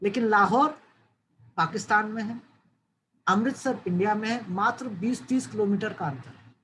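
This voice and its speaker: A man's voice: high voice, moderate pace, a bit bright, a little hiss or hum, rough recording. A man from Uttar Pradesh giving an online social science lecture, explaining step by step and often checking that listeners follow. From Uttar Pradesh, India. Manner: dry asides, jokes then says not to take it seriously.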